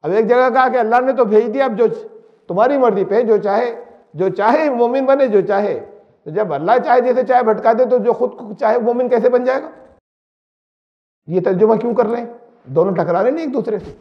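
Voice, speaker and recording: A man giving a religious lecture who recites Arabic verses and explains them, asking his listeners questions as he goes. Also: very high voice. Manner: recites Arabic verses, then explains them in Urdu with English words mixed in; animated, asks the listeners questions. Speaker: Islamic preacher. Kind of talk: religious lecture on Quran translation. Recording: dull lo-fi recording.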